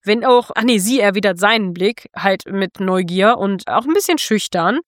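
A woman's voice: mid-range voice, moderate pace, no room sound, clean studio sound. A woman co-hosting a casual talk show, retelling scenes with acted quotes and frequent laughter. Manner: laughs often, animated retelling with quoted voices. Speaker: podcast co-host.

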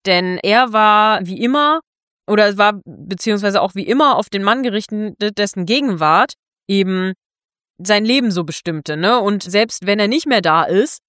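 A woman's voice: mid-range voice, expressive, normal speed, a bit bright, no echo. Chatty woman, dry close sound. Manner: chatty, keeps tagging lines with 'ne?'. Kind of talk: casual chat retelling a novel.

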